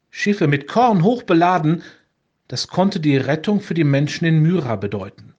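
A pastor reading a saint's legend aloud for a radio show, calm and measured. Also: male voice, medium pitch, dull audio.

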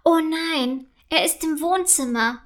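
Woman putting on a squeaky eager little girl, bright and quick to get excited. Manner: eager, breathless, stammering when caught. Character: lively excitable young girl.

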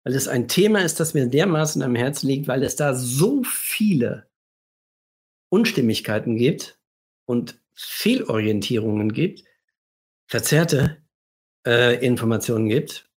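In a husky, scratchy voice that hints he's a little sick, a man at mid-range male pitch explains things like a therapist hosting a livestream. He's expressive and unhurried, pressing hard on key phrases and asking rhetorical questions.

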